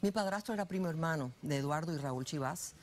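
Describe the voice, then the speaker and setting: Cuban-born woman in her sixties, low voice. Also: quick pace. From Cuba. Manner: chatty, many fillers and restarts. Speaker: guest, political analyst. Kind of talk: studio interview, personal story. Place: TV studio. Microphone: lapel mic.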